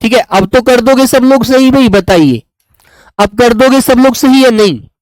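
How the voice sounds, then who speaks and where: A man's voice: extremely high pitch, lively intonation, moderate pace, no room sound, low-quality recording. A man teaching grammar to a class, patiently repeating examples and calling on students by name. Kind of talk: classroom lesson.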